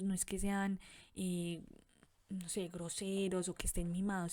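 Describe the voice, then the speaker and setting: A woman hosting a podcast, giving parenting advice in a calm, reflective way, often pausing with soft fillers. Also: lowish voice. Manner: calm, reflective, gentle, with frequent pauses and fillers. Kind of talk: conversational advice monologue.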